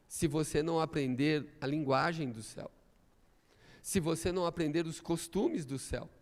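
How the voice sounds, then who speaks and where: High, gravelly-voiced male preacher, emphatic and rising to shouts, in an echoey church. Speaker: pastor. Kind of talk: sermon.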